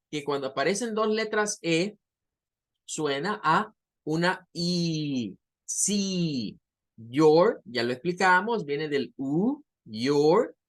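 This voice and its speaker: Slow, patient male language teacher. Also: a little high. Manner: patient, repeats words slowly to model sounds. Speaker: English teacher. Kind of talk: online pronunciation lesson.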